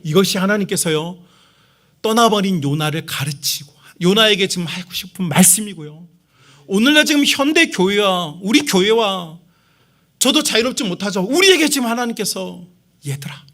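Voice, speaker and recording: A middle-aged man preaches a sermon with emphatic force, turning to address the congregation again and again. His voice is high-pitched and bright, with a keen, ringing edge. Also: lively intonation, normal speed. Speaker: pastor.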